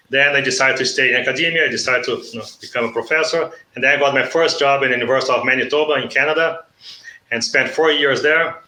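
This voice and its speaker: A middle-aged man from Brazil with a Brazilian Portuguese accent, an economics professor explaining things in a measured way and often checking in with "okay?". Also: medium pitch, bright, forceful tone, echoey room, rough recording. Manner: measured, frequent "okay?" check-ins and restarts. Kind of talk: explanatory interview talk.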